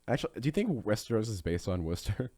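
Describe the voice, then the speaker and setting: A man in a casual podcast chat, reading reviews aloud with a teasing, joking edge. His pitch swings widely as he talks. The sound is dry and close, with no room around it. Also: sing-song, quick pace, mellow, no echo. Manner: joking, playful, reads aloud with silly voices. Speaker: podcast co-host reading reviews as quiz questions.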